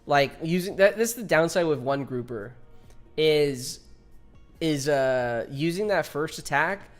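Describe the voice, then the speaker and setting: A man in his twenties streaming a game, chatting casually and joking with viewers, swearing often. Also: fairly high pitch. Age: 20s. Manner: laid-back, joking with chat, swears often. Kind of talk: casual live-stream chat.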